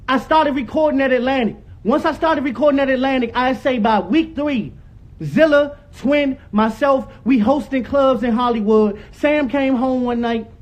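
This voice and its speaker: A young man, angrily telling his side of a dispute on a live stream, repeating himself and rising toward yelling. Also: very high-pitched. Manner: angry, repetitive, rising to yelling. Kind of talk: heated live-stream rant.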